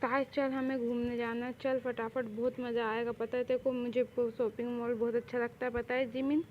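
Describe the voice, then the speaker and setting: A young woman with a high voice chatters through every part of a homemade fan drama. Her lively lines come through a dull, lo-fi recording with faint noise underneath. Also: fairly quick. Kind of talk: fan drama voicing all roles.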